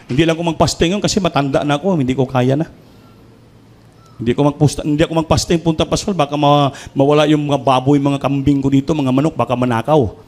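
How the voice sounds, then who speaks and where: A man preaching a sermon with a Filipino accent, swinging between quiet storytelling and fervent, rising exhortation. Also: fairly high pitch.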